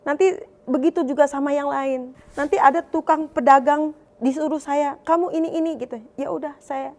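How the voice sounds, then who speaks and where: A woman with a high voice telling her own faith testimony. She speaks with deep feeling, and her voice rises and strains when she retells her prayers. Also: fairly even intonation, moderate pace, darkish tone. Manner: emotional, voice rising high when recalling prayers.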